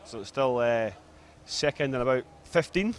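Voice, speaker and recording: A man's voice: medium pitch, animated, normal speed, a little hiss or hum. A man with a broad Scottish accent giving live American football commentary in a chatty, explanatory way. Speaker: sports commentator, former player.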